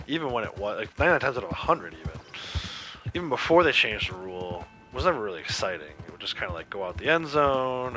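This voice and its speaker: Streamer type: a man with a bright, forward voice, loose and chatty, riffing opinions between gameplay. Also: medium pitch, a little hiss or hum. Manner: rambling, opinionated, heavy on fillers. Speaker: gaming streamer. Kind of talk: casual livestream chat while playing.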